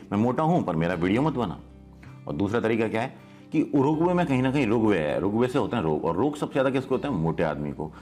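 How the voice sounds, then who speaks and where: A man teaching memory tricks in a lively, storytelling way, acting out little scenes as he explains. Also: fairly low pitch.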